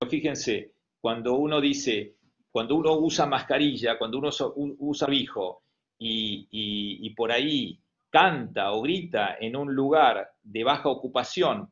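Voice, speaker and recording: A man with an Argentine Spanish accent gives a medical lecture over a video call, his voice sitting at an ordinary middle pitch. He talks haltingly, filling pauses and restarting his sentences. The sound is dull and lo-fi, like online call audio. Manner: hesitant, many fillers and restarts.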